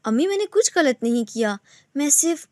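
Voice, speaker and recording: A woman's voice: high voice, lively intonation, no echo, studio quality, pitched above the performer's own voice. A woman reading as a pleading young husband. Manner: soft, quietly pleading.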